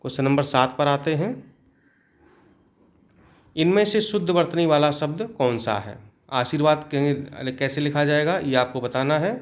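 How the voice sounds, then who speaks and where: Male teacher, slightly higher voice, patient step-by-step exam-prep delivery. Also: moderate pace, pauses often. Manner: explains step by step, often adds a checking "okay".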